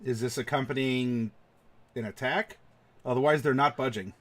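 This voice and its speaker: A man's voice: mid-range voice, normal speed. A man running a tabletop game as game master, narrating with frequent stammers and laughs. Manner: stammering, laughing often between lines.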